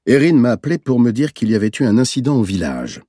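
Male narrator, first-person novel, husky and expressive, measured reflective read. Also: medium pitch, dry recording, clean studio sound. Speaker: audiobook narrator.

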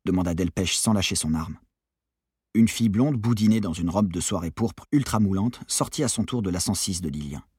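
A man narrating a novel in a steady, even reading voice. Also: low voice, a little fast, slightly rough, no room sound, studio quality. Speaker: audiobook narrator.

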